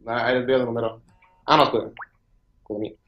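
A man's voice: mid-range voice, steady tone, fast talker. A man calling in to a live show, heard over a call line, talking hesitantly and restarting his sentences. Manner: hesitant, searches for words, many restarts. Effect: heard over a call line, dull and muffled. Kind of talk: casual chat. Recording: dull lo-fi call audio.

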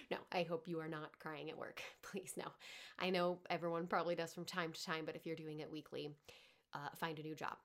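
A woman's voice: deep voice, a bit bright. A woman hosting her own podcast, talking in a chatty, candid way, swearing now and then and laughing often. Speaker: podcast host. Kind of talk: casual solo podcast chat.

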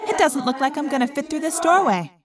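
A woman's voice: sits high, expressive, brisk, background noise, pitched above the performer's own voice. A woman voicing a bold teenage girl who gives orders to her friends. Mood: cocky. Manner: commanding, brash.

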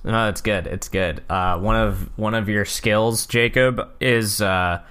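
Low-voiced man in relaxed chat. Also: unhurried, clean tone. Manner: relaxed, describes details with fillers. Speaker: podcast co-host. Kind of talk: casual chat about a video game.

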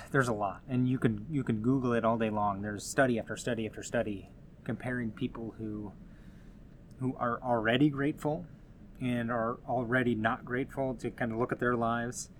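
A man with a mid-range voice talks in an earnest, encouraging way, like a host giving friendly advice. His delivery is casual and conversational. A faint ambient hum sits behind him. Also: medium pitch. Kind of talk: casual motivational talk.

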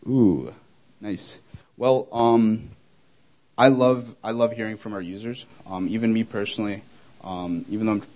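A young man presenting his product to a live group of users and answering their questions. He talks casually and warmly, with plenty of fillers, and laughs easily. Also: medium pitch. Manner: friendly, chatty, laughs easily, many fillers. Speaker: startup founder presenting to users.

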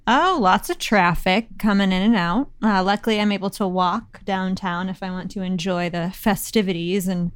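A woman co-hosting a podcast, relaxed and easygoing in casual chat. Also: medium pitch, moderate pace, hardly any pauses, smooth, dry recording. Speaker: podcast co-host.

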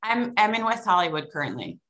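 A middle-aged woman from Long Island, New York, joins a podcast as a guest over a remote call, chatting casually in an interview. Her medium-pitched voice is sing-song, a little fast and fairly bright, and she says "like" and "um" a lot.

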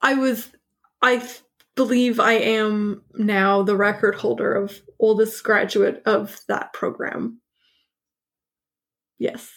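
A woman in her thirties, an actor born in Hungary who grew up partly in New York and Montreal, chats casually as an interview guest. She speaks slowly at a medium pitch with a flat delivery and long pauses, laughing often and using many fillers.

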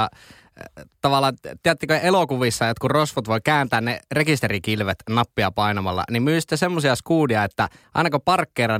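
A man's voice: mid-range voice, a bit bright, dry recording, studio quality. A man hosting a podcast, chatting casually, laughing often and announcing things playfully. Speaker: podcast host. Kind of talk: casual chat.

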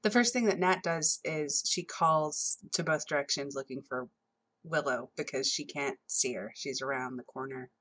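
A woman's voice: deep voice, normal speed, fairly bright tone. A woman player talking casually in a tabletop role-playing game.

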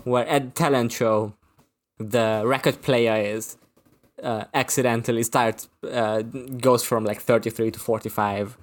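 Halting man reviewing a movie. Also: medium pitch, fairly even intonation. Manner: halting, full of fillers and restarts. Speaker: podcast co-host. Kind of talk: casual movie review chat.

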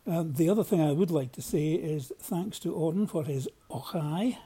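A man with a broad Scottish accent telling anecdotes in a casual, droll voice memo, with a husky voice. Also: a little high, normal speed, warm tone. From Scotland. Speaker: listener sending in a voice memo. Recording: home voice memo.

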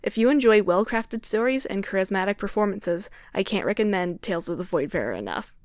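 A woman's voice: medium pitch, animated, brisk, no echo, clean studio sound. A woman host and game master, reading friendly, upbeat credits and promos for her actual-play podcast.

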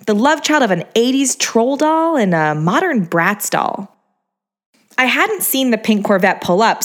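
A woman narrating her memoir in a wry, self-mocking tone. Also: mid-range voice.

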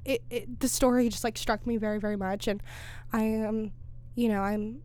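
A woman's voice: on the high side, steady tone, normal speed, darkish tone, clear, resonant tone. A young woman co-hosting a podcast in casual chat, talking on and on with lots of "like" and "you know.". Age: young adult. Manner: chatty, full of "like" and "you know". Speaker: co-host. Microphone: studio microphone.

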